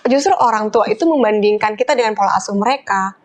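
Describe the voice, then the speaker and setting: Woman, health talk guest, long explanations, filler-heavy, mid pitch. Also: lively intonation, fast. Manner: explains at length with many fillers, acts out quoted remarks. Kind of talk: explanatory talk show chat.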